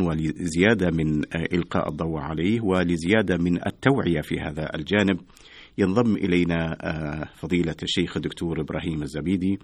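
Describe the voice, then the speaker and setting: A man with a very low voice presents a radio programme from a dry studio. He uses formal standard Arabic and speaks quickly, though he often stops on a drawn-out filler. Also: breathy edge, no room sound. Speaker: radio host. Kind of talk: live radio programme hosting.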